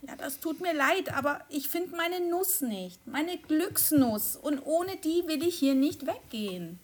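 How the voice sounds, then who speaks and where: A woman voicing a sad gentle elephant. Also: high-pitched, expressive, a little slow. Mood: sorry. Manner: worried, plaintive. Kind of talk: children's audio story acting.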